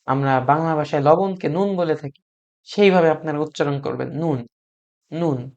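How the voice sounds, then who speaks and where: A man teaching beginners to read Arabic letters, patient and repeating each sound slowly for learners to copy, with frequent hesitant fillers. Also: on the high side, vocal fry, darkish tone, lo-fi sound. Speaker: Quran reading teacher.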